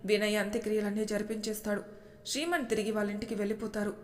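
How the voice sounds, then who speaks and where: A woman storyteller narrating a family drama serial in a steady, even manner. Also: mid-range voice, quick pace. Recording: echoey room.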